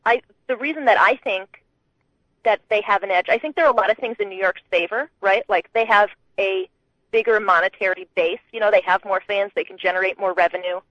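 A woman from New England calling a sports radio show, chatting in an animated, laughing way with lots of restarts, on a phone line. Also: medium pitch, brisk, no echo. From Connecticut, New England. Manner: chatty, laughing, animated, talks over herself. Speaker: radio caller.

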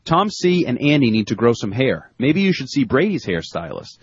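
A man with a husky, mid-pitched voice co-hosts sports radio in a casual way, moving between chat and listener emails read aloud. The recording is dry and slightly dull. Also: very animated, normal speed, no echo. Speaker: sports radio show co-host. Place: radio studio. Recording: muffled, dull lo-fi audio.

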